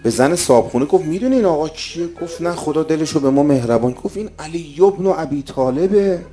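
A man preaching a sermon, moving from loud exhortation to hushed retelling of a story. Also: on the high side, lively intonation, soft background music.

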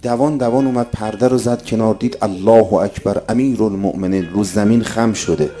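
A man preaching a sermon, moving from loud exhortation to hushed retelling of a story. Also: fairly low pitch, faint music behind.

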